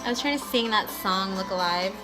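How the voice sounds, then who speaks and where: A woman's voice: medium pitch, fairly quick, rough recording. A woman giving a casual, chatty makeup tutorial in a bubbly, gushing, playful way, peppering her talk with filler slang like a vlogger. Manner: bubbly and gushing, with valley-girl style "like" and "guys"; playful, breaks into sing-song bits and exclamations. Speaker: beauty vlogger. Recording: music playing behind the voice. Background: music.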